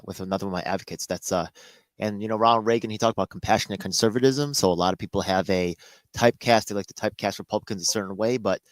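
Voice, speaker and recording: A man hosting a casual interview, speaking quickly and hesitantly with many fillers. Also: fairly low pitch, no echo. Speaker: interview host.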